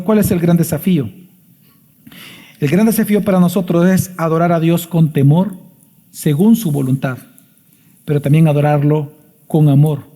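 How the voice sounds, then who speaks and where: A pastor preaching with emphatic rhetorical questions, his voice fairly high but mellow in tone. A long church reverb trails after each phrase, and his voice sinks low at the ends of points. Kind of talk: sermon.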